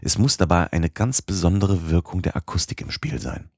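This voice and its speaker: A man's voice: low voice, expressive, moderate pace, no room sound, studio quality. Man playing a desperate young man lost underground. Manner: desperate, strained.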